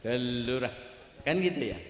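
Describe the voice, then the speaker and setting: A man's voice: mid-range voice, expressive, moderate pace. A man preaching a humorous sermon at a wedding gathering, chatting and joking directly with the crowd. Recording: echoey hall with long reverb.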